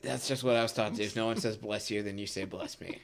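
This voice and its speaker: Low-voiced man in rambling movie chat. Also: fairly even intonation, fast, gravelly. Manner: rambling, self-deprecating, trails off. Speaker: podcast co-host.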